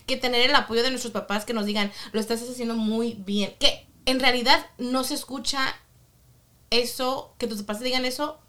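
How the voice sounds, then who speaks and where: A woman's voice: fairly high pitch, steady tone, normal speed, pushed and bright. A woman co-hosting a chatty podcast, telling stories and slipping English phrases into her Spanish. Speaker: podcast co-host. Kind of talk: casual chat.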